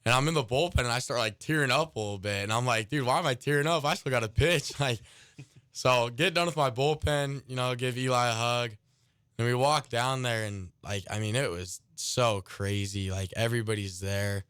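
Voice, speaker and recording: Smooth-voiced teenage guy telling a story. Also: mid-range voice, moderate pace, fairly bright tone, no room sound, clean studio sound. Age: late teens. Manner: rambling, many "like" and "I mean" fillers. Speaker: high school baseball pitcher. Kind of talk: casual storytelling interview. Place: radio studio.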